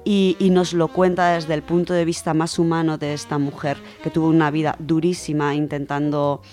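A woman's voice: low voice, little pitch movement, normal speed, a little mellow. A woman with an accent from Spain, speaking enthusiastically as a radio contributor in a conversational book segment. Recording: music under the voice. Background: background music.

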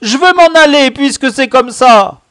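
A man reading a storybook who voices a frightened boy stammering shrill denials in a high, loud voice. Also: lively intonation, a little slow, no echo, studio quality, heavily acted. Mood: panicked.

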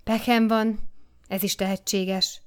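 A woman reading an audiobook voices an excitable male editor who exclaims emphatically and gushes with praise. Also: mid-range voice, clear, resonant tone, lightly acted. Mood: ecstatic. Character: excitable middle-aged male editor, effusive. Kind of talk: audiobook character voice.

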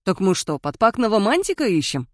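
A woman's voice: medium pitch, very animated, a little fast, no echo, studio quality. A woman voicing a fussy young male secretary who frets and complains. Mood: fretful. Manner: fretful, complaining.

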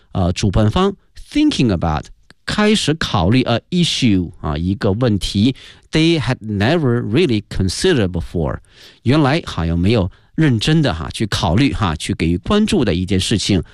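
Man, broadcast English lesson, animated rising and falling pitch, dry close sound. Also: no echo. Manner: spells words out letter by letter and mixes English phrases into Chinese; ends many phrases with a chatty "ha" particle. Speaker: English teacher.

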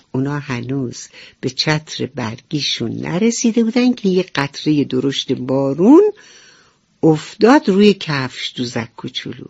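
A woman's voice: sits low, creaky, no echo. Tender woman telling a bedtime story. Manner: warm, tender address to children, sing-song. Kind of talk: radio bedtime story narration. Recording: dull radio broadcast with soft music.

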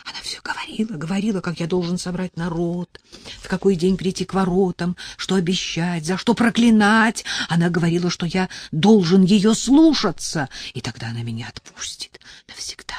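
A man's voice: sits high, normal speed, dry recording. A man reading an audiobook, voicing a terrified, tearful male drunk who calls himself a prophet. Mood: frightened. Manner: tearful, panicky, pleading.

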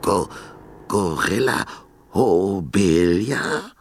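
A man's voice: lowish voice, animated, measured pace, gravelly, a bit bright, pitched above the performer's own voice, exaggerated voice. A man doing a snarling, stammering villain. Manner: hissing through teeth, stammering when scared. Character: sly grown male villain, hot-tempered and cowardly.

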